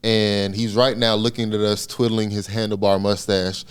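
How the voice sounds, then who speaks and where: A man co-hosting a comedy podcast, joking in a deadpan way with bursts of laughter. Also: fairly low pitch, normal speed, clear, resonant tone. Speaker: podcast co-host. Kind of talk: casual comedy chat.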